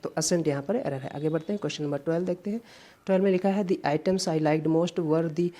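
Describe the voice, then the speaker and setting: Her voice low and mellow, an Indian woman coaches English grammar for exams by moving through the questions individually. Each example sentence gets a slow, deliberate reading.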